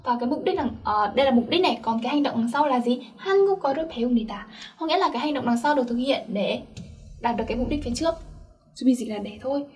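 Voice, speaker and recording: Lady teacher with a high voice, slow repeat-after-me drilling, kinda far from the mic. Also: faint music behind. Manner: repeats words slowly for learners, checks with questions. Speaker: Korean language teacher. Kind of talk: online language lesson.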